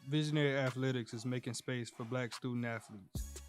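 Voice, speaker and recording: A man reading a scripted advertisement in a steady delivery. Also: mid-range voice, moderate pace. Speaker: ad announcer. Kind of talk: scripted ad read. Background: music bed.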